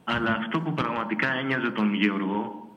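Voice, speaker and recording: Caller, male, solemn preachy delivery, crisp bright tone, muffled phone line. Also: medium pitch. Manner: pious, old-fashioned formal speech.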